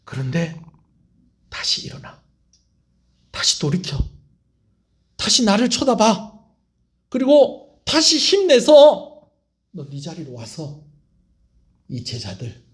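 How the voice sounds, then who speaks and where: A pastor voicing tender, soft-spoken Jesus. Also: male voice, high-pitched, full character voice. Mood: earnest, urging. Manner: tender, intimate, speaking softly to one person. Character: Jesus, a gentle grown man comforting his disciple. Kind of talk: sermon with acted retelling.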